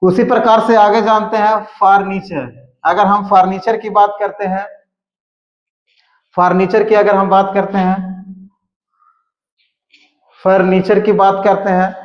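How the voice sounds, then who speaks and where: A man teaching English grammar, explaining slowly and repeating words as he writes out examples. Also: high voice. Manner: slow, repeats words while writing examples. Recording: echoey room, dull lo-fi sound.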